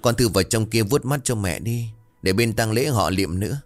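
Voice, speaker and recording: A man's voice: fairly low pitch, animated, moderate pace, soft background music, lightly acted. A man voicing a grieving old grandmother. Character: grieving old grandmother, giving gentle instructions.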